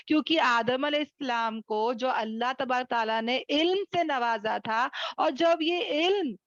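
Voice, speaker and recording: A woman's voice: high voice, a bit bright, no echo, highs cut off. A woman teaching a Quran class to sisters over a video call. She keeps asking questions and checks that her students follow. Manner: addresses listeners as sisters. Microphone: video call microphone.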